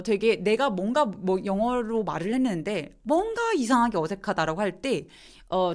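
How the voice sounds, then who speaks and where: A woman teaching English pronunciation in a live online lesson, slowly demonstrating words and answering viewer questions. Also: medium pitch.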